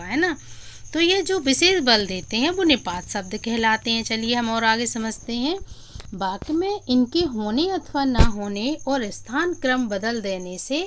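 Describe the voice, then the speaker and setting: A woman teaching children a grammar lesson, talking to them directly, asking questions and answering them herself while she stresses and repeats key words. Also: on the high side. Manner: explanatory, asks questions then answers them. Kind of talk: classroom-style grammar lesson.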